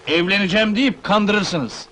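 An actor playing a hot-headed young minibus driver, blustering and threatening, in a 1970s film. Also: male voice, high-pitched, measured pace, sharp tone, a little hiss or hum. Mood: raging. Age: young adult. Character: hot-headed young neighborhood ladies' man.

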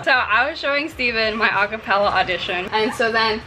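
A woman's voice: on the high side, a little fast, heavy background noise. A young woman in college talking casually to her phone camera, bubbly and chatty with a self-mocking streak. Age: young adult. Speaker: college student vlogger. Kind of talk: casual vlog chat to camera.

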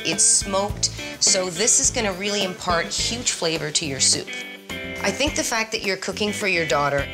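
A woman in her forties, a cooking show host, upbeat and encouraging as she talks a home cook through a recipe in a home kitchen on a lapel mic. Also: on the low side. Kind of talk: cooking show instruction and voice-over. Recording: music bed under the voice. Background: music.

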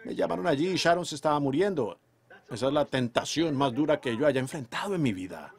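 A man preaching a sermon, emphatic, moving between loud declarations and hushed storytelling. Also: on the high side, expressive, quick pace. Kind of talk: fervent sermon delivery.

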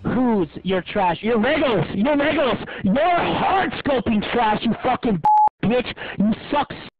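A man's voice: very high-pitched, expressive, slow pace, phone-quality sound, background noise. A man in a berserk rage, hurling angry, profane trash talk over game voice chat. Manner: enraged, berserk raging, shouted profane insults.

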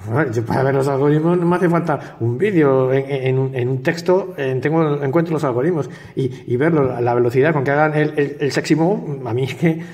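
A man with a Spain Spanish accent gives a rambling cube tutorial in a mellow, middle-pitched voice. He chuckles often and sounds sardonic. The room has a long, ringing reverb. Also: a little fast, hardly any pauses. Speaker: puzzle cube tutorial host. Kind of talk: casual rambling tutorial talk.

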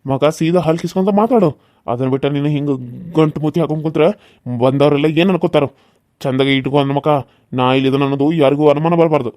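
A man voicing a menacing young village villain in a cartoon serial, loud and threatening. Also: a little high, fairly quick, no room sound, studio quality, lightly acted. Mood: gruff.

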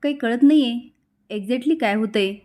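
A woman's voice: on the high side, a little fast, warm tone, natural voice. A woman voicing an anxious, caring young woman explaining what happened in a serial recap. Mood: flustered. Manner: flustered.

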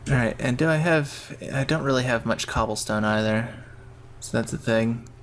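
A man's voice: medium pitch, normal speed, slight background noise. A man giving casual gameplay commentary, thinking aloud in a rambling way. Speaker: gamer narrating his own play.

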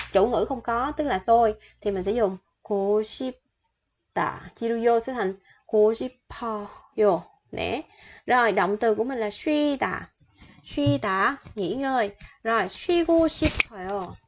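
Woman, language teacher, patient, repeats words, fairly high voice, muffled lo-fi recording. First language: Vietnamese. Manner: patient, repeats each word, addresses viewers as "các bạn". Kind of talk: explaining vocabulary and grammar to learners. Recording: dull lo-fi sound.

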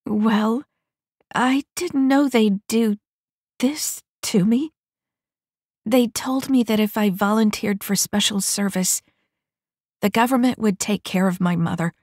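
A jittery young female mech recruit, voiced by a woman narrator in an audiobook story. She stammers and wavers, her voice pitched noticeably high. The sound is dry and close. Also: slow, pauses often, a little mellow, dry recording. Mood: nervous.

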